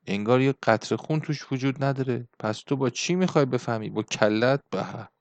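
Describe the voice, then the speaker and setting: A man voicing an older male Greek laborer in an audiobook, blunt and fiery, with a gruff, scornful manner. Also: mid-range voice, no room sound, natural voice. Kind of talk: audiobook character reading.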